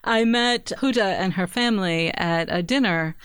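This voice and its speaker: A woman in her forties from the United States, co-hosting a conversational radio segment in a friendly, unhurried way with frequent soft laughs. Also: medium pitch, clean tone. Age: 40s. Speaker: radio program co-host and refugee volunteer.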